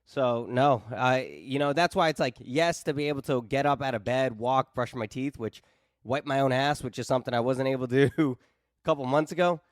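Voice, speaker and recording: In a dry, studio-quality recording, a New England man in his thirties hosts a podcast with a medium-pitched, brisk voice. It's casual chat, and he's flippant and teasing, spinning long, animated stories.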